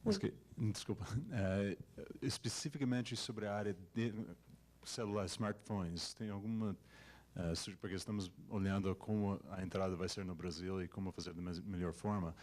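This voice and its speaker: A man's voice: low-pitched, fairly even intonation, moderate pace, a little mellow. A man from the United States, a native English speaker, asking a question at a conference in American English-accented Portuguese, hesitantly searching for words. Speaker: audience member asking a question.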